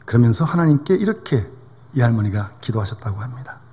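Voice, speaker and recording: A man's voice: medium pitch, sing-song, fast talker, warm tone, husky. A male pastor preaching a sermon in a conversational way, often asking the congregation questions. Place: church sanctuary. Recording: reverberant church hall.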